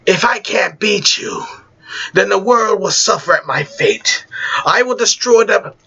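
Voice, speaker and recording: A man's voice: high-pitched, animated, a little slow, creaky, sharp tone, slightly rough, muffled recording, voice pushed up, exaggerated voice. A man voicing a defeated male monster who groans and swears revenge. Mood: vengeful, pained. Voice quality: groaning, strained.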